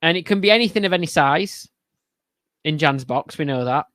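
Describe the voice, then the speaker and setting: Pub quiz host, laughs a lot, hedges every clue, dry close sound. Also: male voice, fairly high pitch, animated, normal speed, fairly bright tone, dry recording. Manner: giggly, hedging, rambling clue-giving. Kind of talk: casual pub chat podcast.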